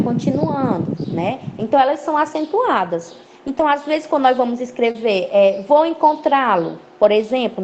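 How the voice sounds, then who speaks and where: A woman teacher giving an online class, explaining step by step and checking in with frequent "ok?" as she goes. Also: on the high side. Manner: lively, rising emphasis on key words. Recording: slightly dull lo-fi audio with faint noise.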